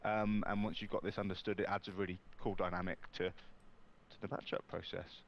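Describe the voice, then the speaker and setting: Lo-fi, upbeat low-voiced man. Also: flat delivery, moderate pace. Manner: chatty and upbeat, with bantering asides. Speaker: co-host. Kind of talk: casual live-stream chat.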